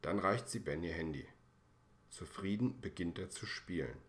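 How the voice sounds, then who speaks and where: A man reading a children's story aloud, calm and measured with gentle expression. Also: low-pitched.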